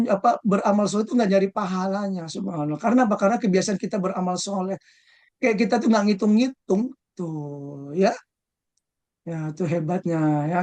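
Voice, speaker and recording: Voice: medium pitch, darkish tone. Chatty preacher asking tag questions. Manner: chuckles between points. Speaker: Islamic religious teacher. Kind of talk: conversational religious study talk.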